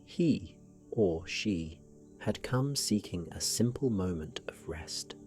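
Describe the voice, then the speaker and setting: A man narrating a sleep story in a gentle, hushed, soothing way, guiding the listener to relax without any hurry. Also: low voice, animated, soft background music. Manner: gentle, hushed, unhurried guided-relaxation delivery.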